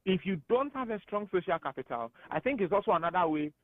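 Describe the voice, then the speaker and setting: A Ghanaian man holds forth as a radio talk-show guest, animated and emphatic. His voice sits fairly high. The sound is dry and thin, like a phone line. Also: fast talker, no room sound. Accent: Ghanaian English. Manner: animated and emphatic, laughs often. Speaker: guest analyst.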